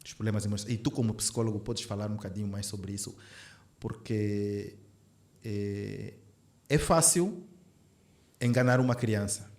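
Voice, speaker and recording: A man's voice: fairly low pitch, normal speed, long pauses, darkish tone. Podcast co-host, man in his 30s, earnest and searching, roomy echo. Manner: earnest, thinks aloud with restarts. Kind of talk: casual conversation.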